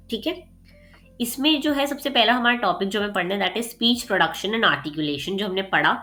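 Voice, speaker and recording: A medium-pitched woman gives a relaxed, explanatory revision lecture for an exam, with soft music in the background. Her speech is dotted with English terms and frequent "okay" and "theek hai" check-ins, and her excitement makes her faster and louder.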